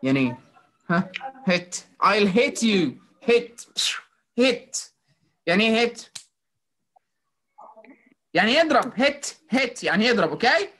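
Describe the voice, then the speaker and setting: Over a video call, a woman with an Egyptian Arabic accent drills children in phonics, coaxing and praising them while mixing in English words. Her medium-pitched, slightly bright voice is very animated, a little slow, and full of pauses.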